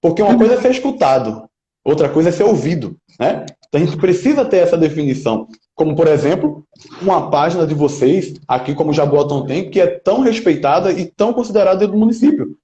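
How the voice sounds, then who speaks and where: A man's voice: fairly high pitch, animated, fast, mellow. A man, answering interview questions as a political pre-candidate in an emphatic, speechmaking way, often tagging his points with "né?". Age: 20s. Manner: emphatic, speechmaking, leans on "né?" tags. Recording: roomy, slightly dull lo-fi sound.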